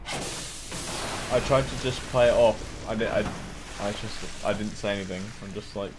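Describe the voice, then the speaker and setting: A man's voice: on the low side, a little slow, background noise. A man streaming a game, chatting casually and playfully with friends and laughing often. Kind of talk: casual gaming stream chat.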